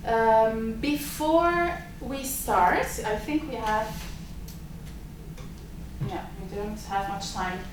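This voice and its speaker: Speaking extremely slowly, the woman has a slightly high, animated voice as she opens an academic event in her role as symposium host and lab director. Italian is her native language, and her hesitant speech is full of filler sounds. The recording comes from afar in a noisy, reverberant lecture room.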